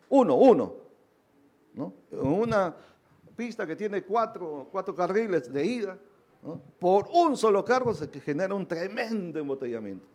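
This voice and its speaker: A man's voice: high voice, darkish tone. A male pastor preaching a sermon, asking rhetorical questions again and again and acting out other people's voices to drive his points home.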